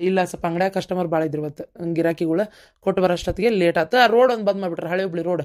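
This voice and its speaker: Cartoon husband voiced by a woman, North Karnataka Kannada accent, lowered voice, quick and clipped. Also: a little mellow, natural voice. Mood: weary. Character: husband, tired shopkeeper, curt. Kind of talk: cartoon story voice acting.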